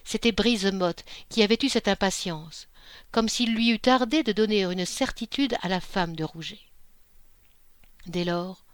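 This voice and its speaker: A woman reading a classic short story aloud in a measured, expressive narration. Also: medium pitch, no room sound. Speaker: audiobook reader.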